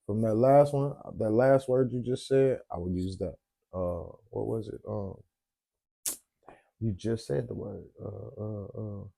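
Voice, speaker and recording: A man's voice: lowish voice, vocal fry, warm tone. A man hosting a casual late-night chat, tired and rambling, often searching for words. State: tired, yawning. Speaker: podcast host.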